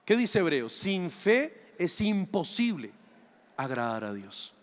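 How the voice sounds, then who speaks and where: Dramatic preacher in a reverberant hall. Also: male voice, sits high, big pitch swings, slow pace. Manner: dramatic, acts out dialogue, rhetorical questions. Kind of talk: sermon.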